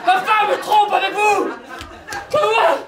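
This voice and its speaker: A man's voice: very high-pitched, steady tone, measured pace, crowd noise. A man improvising an indignant, theatrical husband who believes he is being deceived, on stage before a live audience. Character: excitable deceived husband, middle-aged man. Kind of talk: improvised vaudeville stage acting. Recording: echoey stage miked from afar with audience.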